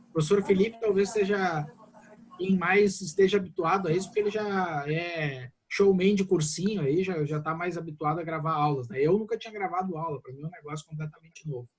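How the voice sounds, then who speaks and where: Over a rough recording, a high-voiced Brazilian law professor answers students in an online class Q&A by video call. He sounds slightly stuffed up. His tone is casual and reassuring, with frequent "né?" in his Brazilian Portuguese.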